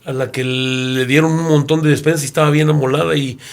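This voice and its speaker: Older Mexican pastor telling lively stories. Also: male voice, a little high, brisk. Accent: Mexican Spanish. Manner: storytelling, acts out quoted characters. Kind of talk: sermon-like Bible lesson discussion.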